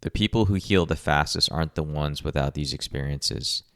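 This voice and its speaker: Very deep-voiced man, calm coaching tone. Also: moderate pace, no room sound, studio quality. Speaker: podcast host, rehab clinician. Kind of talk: scripted podcast monologue.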